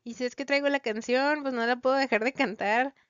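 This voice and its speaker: A woman's voice: high-pitched, steady tone, fairly quick, fairly bright tone, smooth, dry recording, highs cut off. A woman with a Mexican Spanish accent casually retells a story for her viewers in a slangy, rambling way, full of fillers and restarts. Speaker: vlogger recounting a story.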